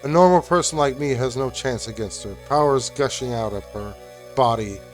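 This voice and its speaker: A young man reading a visual novel game aloud with halting, uneven delivery and restarts. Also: medium pitch, faint music behind.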